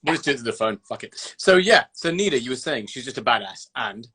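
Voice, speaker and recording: A man's voice: medium pitch, lively intonation, fast talker, bright, forceful tone, husky. A man hosting a casual interview, loose, enthusiastic and freely swearing. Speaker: host. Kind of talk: casual interview over a phone call.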